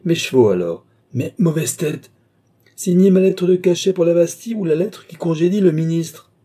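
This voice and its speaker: A man voicing a proud, sharp-tongued woman, a royal favourite, who speaks in a haughty, mocking way. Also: medium pitch, moderate pace, natural voice. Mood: defiant.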